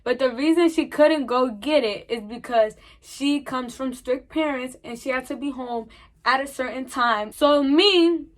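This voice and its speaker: A young woman tells a storytime vlog, with a high-pitched voice. She acts out the dialogue as she goes and keeps the telling animated. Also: unhurried. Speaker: vlogger.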